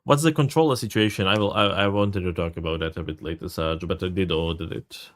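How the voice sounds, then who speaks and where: A man's voice: deep voice, a little fast. A man from Serbia, casually commentating a live game stream, greeting chat and swearing freely.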